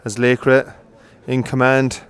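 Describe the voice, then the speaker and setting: A race commentator calls greyhound coursing live from an outdoor field, his mid-range voice clear and resonant. He talks briskly, rising with excitement as the runs unfold.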